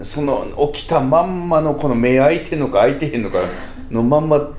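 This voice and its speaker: A man's voice: fairly high pitch, a little fast. A man with a Kansai accent, telling stories casually as a podcast host and acting out how people talk. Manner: animated, mimics people mid-story. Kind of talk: casual chat, storytelling. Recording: roomy echo, faint background noise.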